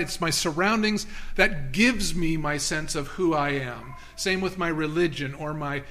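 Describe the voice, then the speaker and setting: A man with a fairly high, pushed, bright voice preaches as a guest in a church sanctuary. He talks casually with the congregation, frequently restarting and making self-deprecating remarks.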